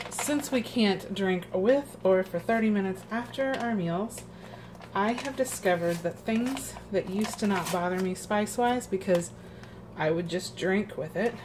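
A female home cooking vlogger gives a casual demo in a mid-pitched voice, unhurried and hesitant. The recording comes from a noisy kitchen.

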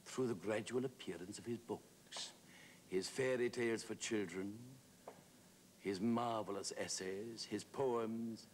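A man with a very deep voice tells a story on stage in a theatrical way. He swells grandly on some phrases and sinks almost to a whisper on others. A faint hiss sits under the recording. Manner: dramatic, swelling and hushing. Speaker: stage actor narrating.

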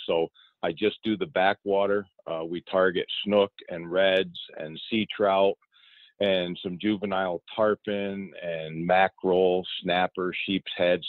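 This middle-aged man, a fishing guide, speaks with a low-sitting voice while answering interview questions easily, frequently repeating himself and starting sentences over. Out in a boat on the water, he's captured dry, through a thin, phone-like line.

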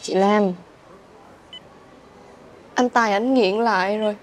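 An actress playing a remorseful young sister-in-law, pleading tearfully at a bedside. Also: female voice, mid-range voice, fairly even intonation, slow pace, slight background noise, close to an everyday voice. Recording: drama music under the voice.

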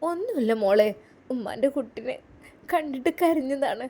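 A gentle young mother and bride, as a woman storyteller puts her on, hushed and tender. She speaks softly in a Malappuram accent. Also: high voice, expressive, moderate pace, husky, heavily acted. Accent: Malappuram Malayalam.

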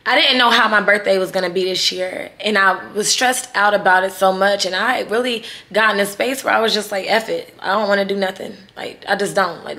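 A woman's voice: medium pitch, sharp tone. A woman in her thirties vlogging casually to camera in an emotional, rambling way. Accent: Southern US. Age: 30s. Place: resort room. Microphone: phone or camera held to self.

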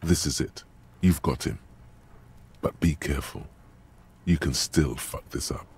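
A man voicing the stern inner narrator of a detective video game, speaking in a grave, measured, coaching way. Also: a bass voice, darkish tone, breathy edge, exaggerated voice. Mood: calm coaching.

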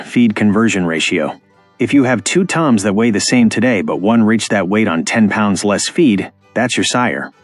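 A man's voice: lowish voice, husky, dry recording. A man giving an emphatic, instructive scripted voice-over about farm breeding. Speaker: farming channel narrator. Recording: dry close voice-over with faint music.

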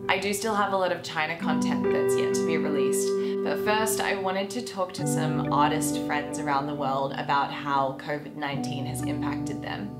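A woman with a very low voice narrates a video calmly and steadily. The sound is roomy, and loud guitar music plays underneath. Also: normal speed, hardly any pauses. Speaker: host.

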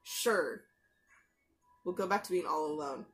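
Her voice sits on the low side, with soft music playing behind her. She's a young anime reaction YouTuber chatting loosely near a headset mic in a small bedroom, tossing in fillers, asides and frequent restarts as she rambles.

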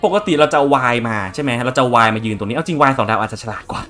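A man's voice: medium pitch, very fast, a bit bright, soft background music. A young man casually commenting on his strategy game as he plays, chatting to viewers and swearing freely. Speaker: game streamer.

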